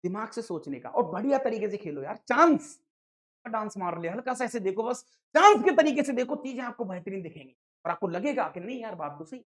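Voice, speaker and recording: She talks briskly, her pitch fairly high, while explaining probability to exam students online. The woman keeps the maths lecture playful and lively, calling her listeners sir and dada.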